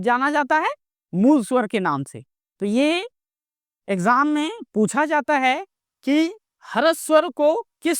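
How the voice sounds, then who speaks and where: A woman's voice: high-pitched, no room sound, studio quality. A woman from India teaching a classroom grammar lesson. She asks questions and answers them herself, repeating each point as a drill.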